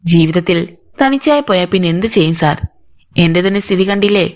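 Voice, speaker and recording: A woman's voice: lowish voice, expressive, brisk, natural voice. A woman voicing an older housemaid who gives anxious, defensive answers to police. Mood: pleading. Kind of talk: audiobook character voice.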